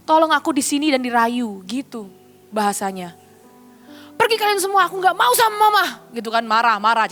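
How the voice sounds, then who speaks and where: A woman evangelist preaches with a high, bright-toned voice. She tells stories conversationally and slips into quick little voices for the people in them. Soft music sits faintly behind her. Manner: animated storytelling, acting out her child's and her own lines in quick shifting voices. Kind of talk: sermon.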